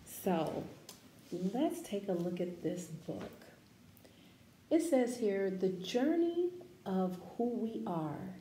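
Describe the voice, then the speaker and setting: Here a woman of medium pitch leads children's story time, reading a picture book with deliberate, expressive delivery and pausing for offhand remarks and questions aimed at her young audience. Faint background noise and a roomy echo are audible.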